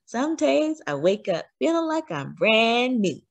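A woman's voice: on the high side, very animated, unhurried, gravelly, no room sound, pitched above the performer's own voice, full character voice. A woman doing a cheerful old grandma. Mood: amused.

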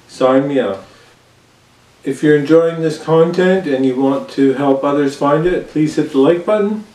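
A man in his forties talking candidly in a casual vlog, relaxed and easygoing, often pausing with fillers as he speaks. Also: medium pitch. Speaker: vlogger. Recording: roomy sound from a distant mic with faint background hiss.

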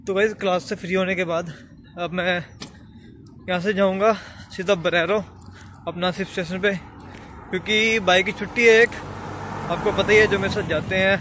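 A man's voice: high voice, bright, forceful tone, slight background noise. Young man vlogging from a handheld phone. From Haryana, India. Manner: chatty running commentary to camera. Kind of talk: casual daily vlog. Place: kitchen, then outdoors on streets. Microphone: phone at arm's length.

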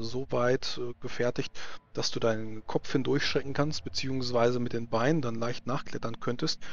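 A man narrating a tabletop role-playing game as game master, searching for his descriptions. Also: medium pitch. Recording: slightly muffled mic with faint noise.

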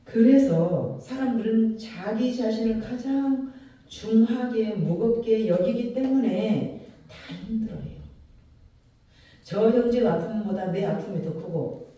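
A man's voice: high-pitched, measured pace, dark tone. A male pastor preaching a sermon in a church worship hall, emphatic and colloquial, with frequent rhetorical questions. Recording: echoey hall from far off.

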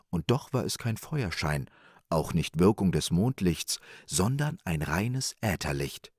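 A man narrating a fairy tale at bedtime with calm, expressive storytelling. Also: deep voice, no echo, clean studio sound. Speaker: audiobook narrator.

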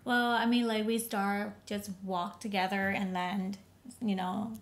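Vietnam-born woman, earnest and halting. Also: medium pitch, flat delivery. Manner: warm, earnest, slightly halting phrasing. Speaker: podcast co-host. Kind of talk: casual chat.

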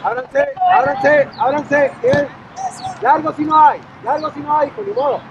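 A man coaches youth soccer from the sideline. His voice is pitched extremely high as he barks short commands and repeats them. The recording is outdoors on a field, with clear background noise around him. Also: very animated, measured pace, muffled recording. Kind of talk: shouting sideline instructions during a match. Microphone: picked up by sideline camera.

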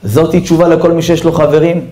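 Higher-voiced man preaching a story sermon. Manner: animated storyteller who addresses listeners directly. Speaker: rabbi giving a Torah lesson.

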